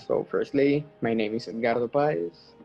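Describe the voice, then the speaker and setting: A teenage boy from Colombia, whose first language is Spanish, speaks calmly and plainly to a webcam. The sound is a little dull and muffled. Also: medium pitch, normal speed, gravelly, faint music behind. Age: teens. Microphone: laptop webcam.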